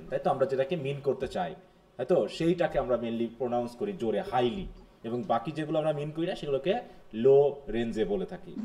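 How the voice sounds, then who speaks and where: A man's voice: on the high side, a little mellow. Bangladeshi man teaching a class. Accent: Bangladeshi Bengali. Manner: explains in Bengali and reads English definitions slowly; keeps asking the class questions. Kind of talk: live lecture.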